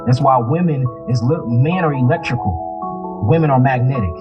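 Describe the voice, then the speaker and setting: A man's voice: mid-range voice, moderate pace, highs cut off. A man lecturing in a preachy way, explaining and often asking "you know what I'm saying.". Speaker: speaker on spirituality. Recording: speech over loud music.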